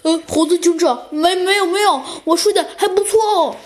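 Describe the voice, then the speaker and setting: A woman doing an excitable squeaky chick cop. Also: moderate pace. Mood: eager. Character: eager little male chick police officer.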